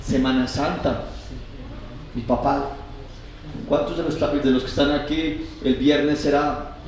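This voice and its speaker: Pastor preaching in an echoey hall. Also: male voice, medium pitch, steady tone, slow, darkish tone, recorded from a distance, a little hiss or hum. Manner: preaching with rising emphasis, rhetorical questions to the congregation. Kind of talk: sermon. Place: church hall.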